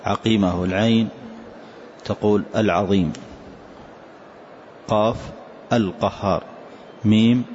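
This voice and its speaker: In a classroom lesson, this sheikh echoes a student's recited line with patience before explaining it. He has a lowish, slightly mellow voice, and the recording is dull and lo-fi with a faint hiss.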